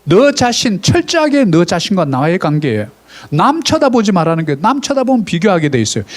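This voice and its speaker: Animated Korean-speaking pastor preaching. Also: male voice, high-pitched, a little fast. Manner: animated preaching with rising exclamations and congregation prompts. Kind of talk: sermon. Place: church service.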